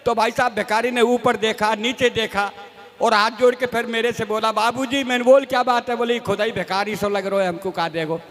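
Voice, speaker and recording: Speaking briskly with fairly even intonation, this comic poet from Rajasthan, India, has an extremely high, slightly bright voice. He delivers folksy, self-deprecating comedy verse on stage, talking straight to the crowd, with hall reverb echoing around him.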